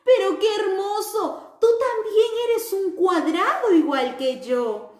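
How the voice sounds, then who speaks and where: Storybook square: cheerful, vain, childlike; woman performer, high gushing sing-song, slow, roomy room. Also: lively intonation, a little mellow, heavily acted. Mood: delighted. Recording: roomy echo.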